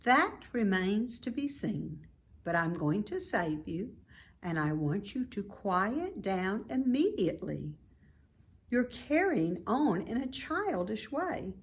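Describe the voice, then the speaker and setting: A wise spider speaks in a sweet, steady voice that turns firm and brisk, as a woman reads her. Her lines come slowly with a lively, melodic rise and fall in a storybook. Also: mid-range voice.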